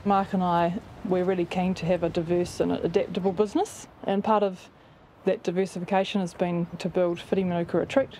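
A woman's voice: lowish voice, flat delivery, fairly quick, dark tone, slight background noise. A young woman with a New Zealand accent, a farmer talking earnestly and chattily in a documentary interview. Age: young adult. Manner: earnest, chatty, with fillers like "like" and "actually". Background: background music.

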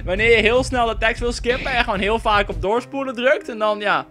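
A man's voice: very high-pitched, a little fast, bright, forceful tone. A young man doing let's play commentary, sarcastic and jokey, swearing often. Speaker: gaming YouTuber. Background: faint game music.

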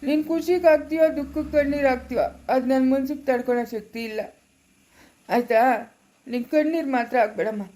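A woman playing a loving, worried elderly father who soothes his daughter gently and repeats himself in a family skit. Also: high voice, fast, close to an everyday voice. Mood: tender. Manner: gentle, soothing, repetitive pleading.

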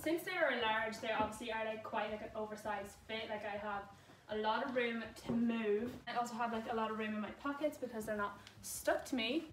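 A woman's voice: on the high side, fairly quick, far from the mic. A young woman chatting casually through a clothing try-on haul, full of "like" fillers. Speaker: fashion vlogger. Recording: roomy echo, voice away from mic, faint noise.

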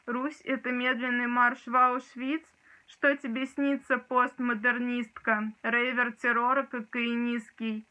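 Young female, dramatic poetry declamation, sharp highish voice, steady pitch, lo-fi home recording. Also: measured pace. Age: young adult. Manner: forceful, rhythmic declaiming. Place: small room indoors. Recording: dull, lo-fi sound.

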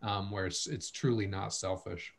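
A man's voice: sits low, fairly even intonation, moderate pace, vocal fry. Man hosting a casual video-call talk. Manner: conversational, thinks aloud with restarts. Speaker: host of an online family-studies program.

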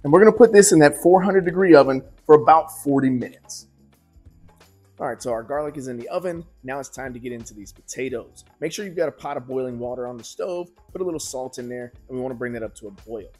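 Speaking quickly in a mid-range voice, a cooking show host in his forties leads a casual demonstration in his home kitchen. He stays relaxed and conversational, slipping in asides to the viewer as soft music plays.

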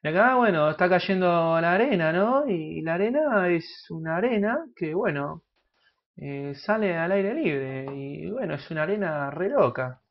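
Argentine guy cursing and joking over his game, kinda high voice, muffled lo-fi sound. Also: animated, measured pace. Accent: Argentine Spanish. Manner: crude, joking, swings into loud outbursts. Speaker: gaming youtuber. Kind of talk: casual gameplay commentary.

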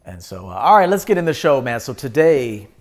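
A man in his thirties with a medium-pitched, sing-song voice hosts a live stream a little fast from a small indoor studio. Laid-back throughout, he reads and responds to viewer comments and gives viewers name-by-name shout-outs.

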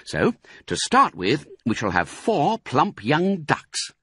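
An exuberant storybook father fox, acted out by a man, proud and bossy. The voice is bright and forceful, swinging wildly up and down as he relishes each word. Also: on the high side, wildly swooping pitch, takes it slowly, slightly rough, no room sound, clean studio sound, pitched above the performer's own voice, heavily acted. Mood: commanding, careful. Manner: theatrical, exclamatory, relishing words.

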